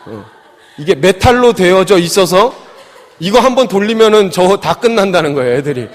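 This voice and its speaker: A man's voice: high voice, lively intonation, normal speed. Man preaching to youth in a reverberant church. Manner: chatty, with many fillers and acted-out quotes. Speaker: youth pastor. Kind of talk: sermon with storytelling. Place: church sanctuary. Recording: long hall reverb.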